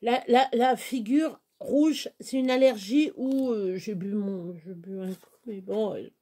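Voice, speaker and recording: A middle-aged woman talks to her viewers from home, rambling from one grievance to the next with an exasperated edge. Her voice sits a little high, and she drifts around the room as she chats. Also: unhurried, mellow, breathy edge. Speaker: vlogger. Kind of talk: casual chat to camera.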